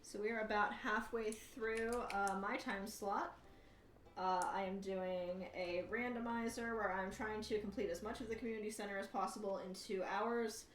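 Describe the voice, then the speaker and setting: A woman's voice: medium pitch, steady tone, moderate pace, distant mic. Wry woman game streamer in an echoey room. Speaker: livestreamer hosting a charity gaming stream. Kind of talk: casual live game-stream commentary, thinking aloud and chatting with viewers. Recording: roomy echo, off-mic, faint background noise.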